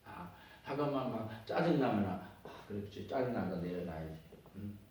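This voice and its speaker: A man's voice: fairly low pitch, expressive, moderate pace, a little mellow. A man preaching a sermon to a congregation. He is emphatic and repeats phrases, and he leads the listeners in call-and-response. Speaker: pastor. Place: church sanctuary. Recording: very echoey church hall, distant mic.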